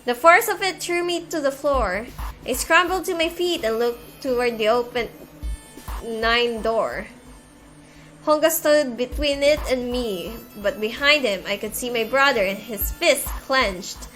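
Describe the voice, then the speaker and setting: A woman's voice: a little high, a little slow, a bit bright, soft background music. A woman streamer reading a visual novel aloud, with chatty asides in between.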